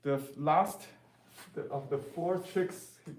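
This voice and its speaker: A native-speaking man teaches an informal painting lesson indoors in a classroom, his voice on the high side. He speaks slowly and haltingly, often searching for words. The room has noticeable echo, and he sounds slightly off the mic.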